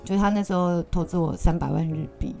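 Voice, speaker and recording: A woman's voice: on the low side, fast, gravelly, warm tone. Taiwanese woman, 30s, bar-owner guest, talkative storyteller; faint background music. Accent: Taiwanese Mandarin. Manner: chatty, laughs often, acts out quoted people. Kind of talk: casual storytelling chat.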